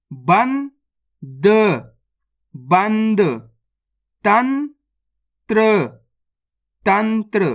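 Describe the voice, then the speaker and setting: Slow, drawn-out reading teacher. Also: mid-range voice, fairly bright tone. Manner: spells words syllable by syllable, then says them whole; addresses viewers as friends, asks if it is clear. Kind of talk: slow word-by-word reading lesson.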